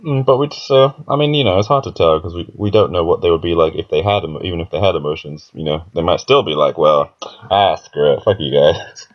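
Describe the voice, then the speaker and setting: A man's voice: deep voice, fast talker, few pauses. A young man casually reviewing a comic chapter, rambling with frequent fillers and laughs. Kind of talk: casual commentary. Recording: dull lo-fi recording.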